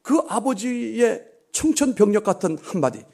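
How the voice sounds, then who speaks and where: A middle-aged male pastor preaching in a church, telling a story and then exhorting. He drops to hushed near-whispers and rises to loud, emphatic lines. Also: high-pitched, sing-song, moderate pace, creaky. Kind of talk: sermon with storytelling. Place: church sanctuary.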